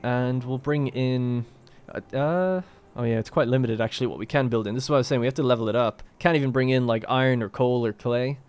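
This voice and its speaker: A man's voice: medium pitch, fairly quick, few pauses, darkish tone, clean tone. A man hosting a let's play, talking casually and thinking aloud as he plays a strategy game. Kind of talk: gameplay commentary.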